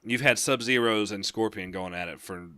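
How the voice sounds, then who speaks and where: In a close, dry, echo-free recording, a young man with a lowish voice co-hosts a casual gaming podcast. He rambles eagerly through the news at a moderate pace, laughing easily, his tone clean, pushed, and bright.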